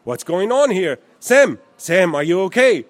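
Man shouting as a frantic American man. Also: sits high, big pitch swings, measured pace, faint music behind, pitched above the performer's own voice. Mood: panicked shouting. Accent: American English. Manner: shouting, panicked. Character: frantic loud American man searching for his friend.

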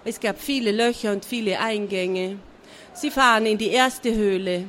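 A woman reading a children's adventure story aloud in a lively, expressive way, with small slips. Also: mid-range voice, normal speed, a little hiss or hum.

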